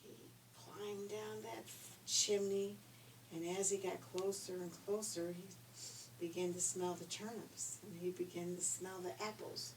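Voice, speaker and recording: The older woman's delivery is flat and measured at a medium pitch as she informally tells children a folksy story. She's recorded from afar with faint background noise.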